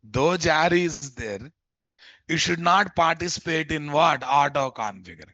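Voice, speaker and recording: With a fairly high, expressive voice that is pushed and bright, a Telugu-accented man teaches a live coding lesson at an unhurried pace. He is informal and familiar with learners, repeating phrases and asking questions to check understanding. There is no echo, but the highs are cut off.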